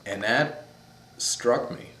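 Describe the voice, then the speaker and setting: A man's voice: medium pitch, drawn-out words, bright, forceful tone, a little hiss or hum. A man in his fifties from upstate New York, thoughtfully telling stories of his childhood in an interview. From upstate New York, USA. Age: 50s. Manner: thoughtful, storytelling, searches for words. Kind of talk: reminiscing interview. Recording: echoey room.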